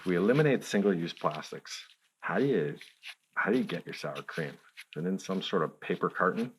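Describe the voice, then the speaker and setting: Playful low-voiced man demonstrating a craft. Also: expressive, fairly quick, a little hiss or hum. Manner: playful, chatty, talks to the viewer while working. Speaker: crafts tutorial host.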